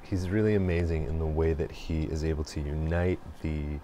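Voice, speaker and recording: A man hosting a reflective monologue, speaking slowly and thoughtfully with many pauses and fillers. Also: very deep voice, steady tone, warm tone, slight background noise. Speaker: host.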